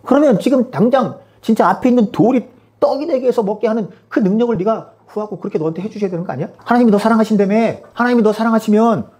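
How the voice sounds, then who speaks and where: A man's voice: high voice, quick pace, a little mellow, voice pushed up, close to an everyday voice. A man voicing a taunting devil who needles the listener with mocking questions, in a sermon. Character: taunting male devil, sneering tempter.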